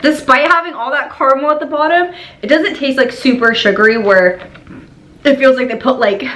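A woman's voice: high-pitched, fairly quick, a bit bright, rough recording. A young woman chatting casually to viewers while eating on camera, giggly and full of "like"s. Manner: chatty and giggly, with many "like"s and laughs. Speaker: mukbang vlogger. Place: home room while eating.

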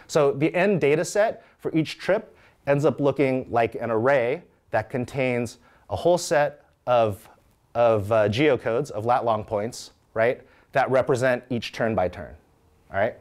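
A man's voice: mid-range voice, lively intonation, unhurried, darkish tone. A man in his thirties giving a live technical talk, walking through code in a conversational way and often checking in with "right?". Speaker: conference speaker. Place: meetup room with audience.

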